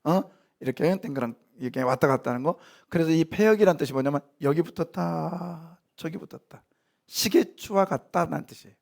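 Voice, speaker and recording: A man preaching a sermon in a church, lively, asking the congregation questions and answering them himself, now and then acting out short lines. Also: on the high side, a little fast, gravelly. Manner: acts out short quoted lines in sharp voices. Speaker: pastor. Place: church sanctuary.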